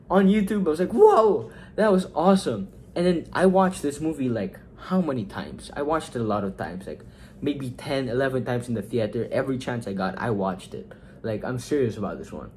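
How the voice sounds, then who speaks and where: Young guy rambling about movies, lots of likes and ums, jumps up when hyped, bit of faint hiss. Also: mid-range voice. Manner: rambling, fillers and quoted reactions, swings up when excited. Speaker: movie ranking vlogger. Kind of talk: casual film review.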